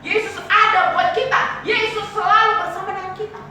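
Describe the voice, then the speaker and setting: Woman preacher, high bright voice, teasing sermon, echoey hall from far off. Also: fairly quick, a little hiss or hum. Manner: lively, teasing, calls to the congregation.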